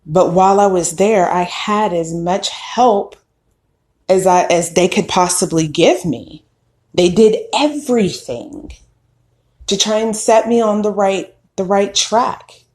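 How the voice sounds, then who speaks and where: A woman in her thirties, a podcast host, telling her own story in a slow, candid and reflective way. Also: mid-range voice. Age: 30s. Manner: slow, reflective, candid with occasional soft laughs. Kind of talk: personal storytelling monologue.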